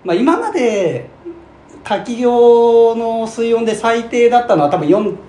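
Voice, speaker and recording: Animated man chatting in an echoey room. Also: very high voice, a little slow. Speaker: podcast co-host. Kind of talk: casual chat. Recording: roomy echo, faint background noise.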